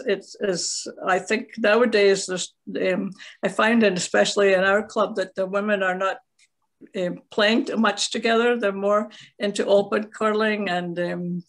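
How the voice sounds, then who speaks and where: An older woman from Scotland, telling stories in a halting, rambling way on a video call from her tablet at home. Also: mid-range voice. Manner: rambling, halting, with frequent restarts and soft laughs. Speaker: interviewee, veteran curler. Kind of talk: casual video call interview.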